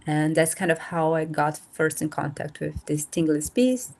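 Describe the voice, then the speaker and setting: Over a remote video call, a Brazilian woman in her 30s, originally from the north and northeast and a first-language Portuguese speaker, talks as a guest and nonprofit founder. Her voice is low, steady, and a bit mellow; in this casual interview she's thoughtful, pausing often and filling gaps while she looks for words.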